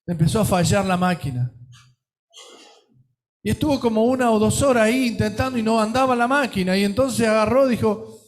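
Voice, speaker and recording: A man with a Rioplatense Spanish accent preaches in a high voice. He tells a story and acts out the quotes, rising loud and then dropping soft. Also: fairly quick. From Argentina. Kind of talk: sermon.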